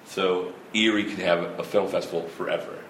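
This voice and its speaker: A man's voice: deep voice, steady tone, moderate pace, fairly bright tone. Rambling, laughing man in his fifties. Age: 50s. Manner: rambling, laughs often, frequent restarts. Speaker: festival organizer. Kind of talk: casual interview chat. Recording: roomy echo with faint ambient noise.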